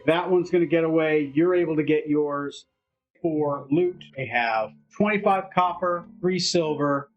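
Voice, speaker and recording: A man runs a tabletop game as game master, describing the scene and calling for dice rolls in a slightly high voice. The recording is dull and lo-fi, with faint music under it.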